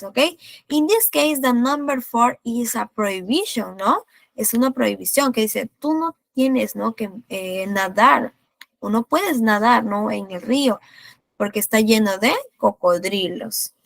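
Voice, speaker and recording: Slow, gravelly woman teaching English. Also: a little high, fairly bright tone, no room sound. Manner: checks in with tag questions after nearly every phrase; explains in English, then repeats in Spanish. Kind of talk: online class explanation. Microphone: video call.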